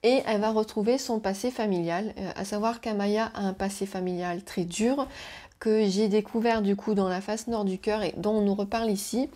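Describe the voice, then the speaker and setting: A woman's voice: medium pitch, fairly even intonation, moderate pace, dark tone. A woman vlogger chatting casually about her month's reading, hesitant and full of fillers. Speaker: book vlogger.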